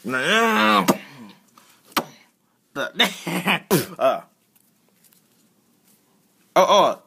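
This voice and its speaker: A man with a husky voice play-acts cartoon-style characters in a halting, excitable way, stumbling and repeating words. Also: on the high side, a little hiss or hum. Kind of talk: improvised character play-acting for a fan video.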